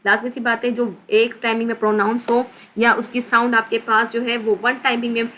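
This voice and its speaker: A woman teacher with a Pakistani accent explaining a children's English lesson, reading English words slowly, repeating them and spelling them out. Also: fairly high pitch, little pitch movement, bright, forceful tone, a little hiss or hum.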